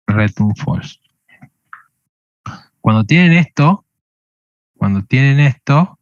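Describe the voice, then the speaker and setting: A man's voice: medium pitch, dry recording, highs cut off. A man teaching a programming lesson, explaining step by step and checking with a questioning "¿sí?" again and again. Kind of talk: screen-recorded coding lesson.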